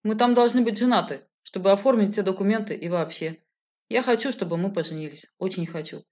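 A woman's voice: medium pitch, fairly quick, a little mellow, lightly acted. A woman voicing a heated, pleading boyfriend. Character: emotional, impulsive grown man, pleading boyfriend. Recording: slightly dull lo-fi audio.

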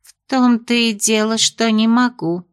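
Evasive fairy headmistress read by a woman, soothing yet dismissive, slightly high voice, audiobook character. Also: a little slow, smooth, lightly acted.

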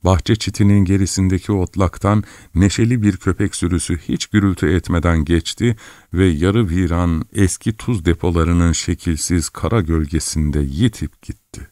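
A man narrating a literary audiobook in a measured, descriptive manner. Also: low voice, mellow, no room sound, studio quality.

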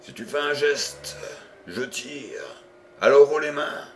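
A man reading an audiobook, voicing a bold, indignant male detective who gives forceful, commanding orders. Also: a little high, animated, slow, slight background noise, pitched above the performer's own voice.

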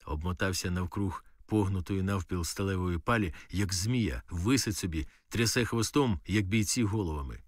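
A man narrating an audiobook in a steady, matter-of-fact storytelling manner. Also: low-pitched, normal speed, hardly any pauses, no room sound, clean studio sound, recorded from a distance. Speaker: audiobook reader. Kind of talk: audiobook narration of a war novel.

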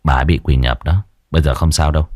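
Man doing a gruff, curt young exorcist. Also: extremely low pitch, fairly even intonation, fast, darkish tone, dry recording, studio quality, voice pushed down. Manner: curt, blunt, commanding.

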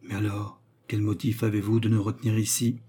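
A man doing a shy, gentle young woman. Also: fairly low pitch, completely flat delivery, fairly quick, husky. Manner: soft, hesitant.

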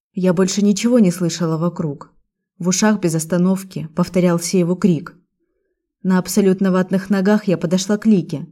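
Woman reading a novel in a mellow voice. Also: fairly low pitch. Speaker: audiobook reader. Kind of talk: scripted first-person narration.

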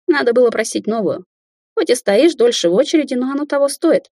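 A woman voicing a teasing, vengeful young woman in an audiobook, speaking in a mocking, lively way. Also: sits high, quick pace, no echo, clean studio sound, pitched above the performer's own voice. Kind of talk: audiobook character voice.

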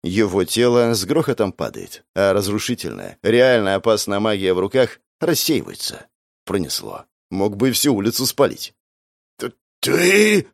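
A man narrating an audiobook, acting out the characters' lines with shouts and whispers. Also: on the low side, very animated, normal speed, vocal fry, dry recording, clean studio sound. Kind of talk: dramatized audiobook reading with acted dialogue.

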